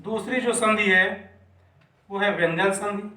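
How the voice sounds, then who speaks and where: A man's voice: high-pitched, unhurried, pushed and bright. A man teaching a grammar lesson patiently, asking questions and answering them himself. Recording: echoey room, mic at a distance.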